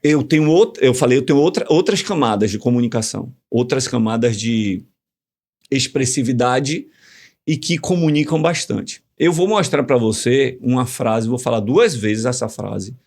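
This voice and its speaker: Gravelly man explaining. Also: medium pitch, moderate pace. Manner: animated, teacherly, uses examples. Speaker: communication guest. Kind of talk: casual podcast conversation, explaining.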